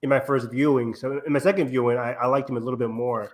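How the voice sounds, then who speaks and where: A man's voice: medium pitch, steady tone, fast. A man co-hosting a podcast in casual chat, talking eagerly and tripping over his words. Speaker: podcast co-host.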